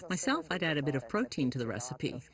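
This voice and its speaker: A health critic giving measured, explanatory comments on a dish. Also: mid-range voice, big pitch swings, over music. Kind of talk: expert commentary.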